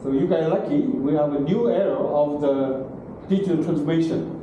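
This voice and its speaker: The recording is dull and comes from a far room camera in a large, very echoey classroom, with plenty of noise. A middle-aged man lectures there in broken English, his voice a little high and dark-toned at a normal speed. He keeps checking in with "okay?" and "right?".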